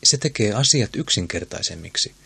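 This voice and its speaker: A man's voice: lowish voice, animated, creaky, bright, forceful tone, slightly rough, heavily acted. A man reading a proud, fiery queen. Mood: commanding. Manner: commanding, intense. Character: proud passionate young woman queen.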